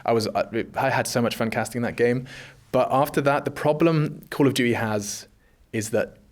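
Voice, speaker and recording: A man's voice: mid-range voice, normal speed. A young man chatting casually as an interview guest, joking and self-deprecating. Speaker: esports caster, guest.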